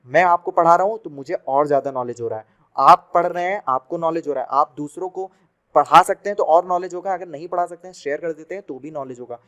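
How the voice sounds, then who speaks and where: A man's voice: a little high, fast, fairly bright tone, muffled recording. A young man giving a chatty video lesson for exam students, repeating sounds aloud to demonstrate them. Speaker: Hindi teacher for exam prep. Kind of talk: classroom-style video lesson.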